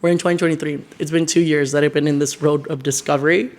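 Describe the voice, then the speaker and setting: Young man, early twenties, higher voice, casual vlog chat, rambling, filler-heavy. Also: fairly even intonation, fast, darkish tone. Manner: rambling and venting, heavy use of "like". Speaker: vlogger. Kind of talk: casual sit-down chat to camera. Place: his decorated home.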